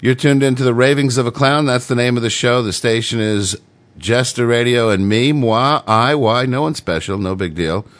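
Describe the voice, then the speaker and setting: A man's voice: medium pitch, moderate pace, fairly bright tone. A man hosting a comedic internet radio show, talking in a playful, rambling, mock-grandiose way.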